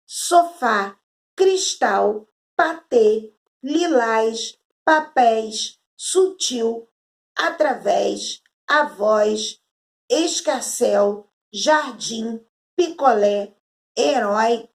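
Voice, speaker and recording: A Brazilian woman teacher giving an online Portuguese lesson to children, reading words aloud slowly one by one. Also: fairly high pitch, gravelly. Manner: slow, drawn-out words read aloud one by one.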